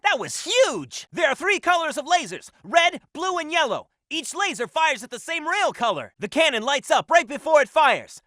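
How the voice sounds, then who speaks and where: A man's voice: very high voice, sing-song, normal speed, hardly any pauses, sharp tone, no room sound, studio quality, exaggerated voice. A man voicing a cocky, upbeat young cartoon hedgehog hero in a video game, brash and confident. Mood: upbeat, instructive. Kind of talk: video game character voice lines.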